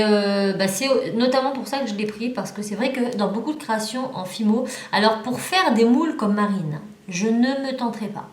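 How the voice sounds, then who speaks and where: A woman's voice: fairly high pitch, reverberant. A woman with a southern French accent chatting casually as she reviews craft supplies from a parcel, with lots of fillers and restarts. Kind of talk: casual chat.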